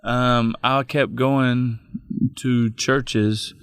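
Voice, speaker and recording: A man's voice: medium pitch, flat delivery, very slow, a bit bright, clear, resonant tone, no echo, clean studio sound. A middle-aged man, a pastor telling his own story in an interview, plainspoken and folksy, often restarting his sentences. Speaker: pastor and guest. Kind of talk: personal storytelling in a podcast interview.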